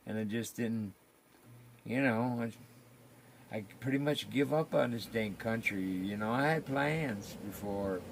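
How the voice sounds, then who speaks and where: A man's voice: medium pitch, background noise. An older man, chatting casually and rambling in folksy, colloquial talk on his live stream.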